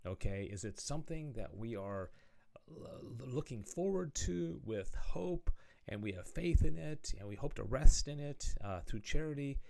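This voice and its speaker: Speaking at normal speed in a medium-pitched, gravelly, slightly mellow voice, a religious studies teacher delivers an expressive, conversational theology lecture on video. He reads out passages and explains them, often checking in with "okay?" and "right?"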